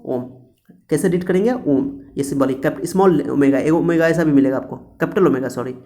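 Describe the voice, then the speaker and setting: A man teaches a physics lesson on his terms. His voice sits a little high and sounds mellow. He drills each point by repeating it and answering his own questions. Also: brisk. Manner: repetitive, coaxing, asks and answers own questions. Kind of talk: classroom-style physics lecture.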